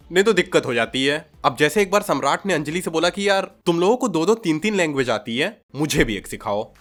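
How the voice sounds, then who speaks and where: Young male comic, crude and sarcastic, lively raised pitch, mimics his friends. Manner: acts out friends' voices. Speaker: stand-up comedian. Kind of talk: comic monologue vlog.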